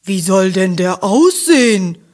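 A woman playing a slow, scornful cow. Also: medium pitch, lively intonation, darkish tone. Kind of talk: storybook reading.

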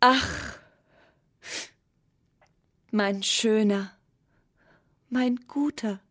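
A woman voicing a tender, sorrowful female moon that coaxes and laments in a raised, drawn-out voice in a storybook tale. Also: mid-range voice, animated, darkish tone.

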